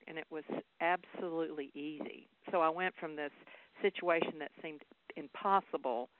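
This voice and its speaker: A woman's voice: low-pitched, dry recording. Bubbly Southern woman on a phone line. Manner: bubbly, earnest, laughs easily. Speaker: guest speaker. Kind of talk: phone interview.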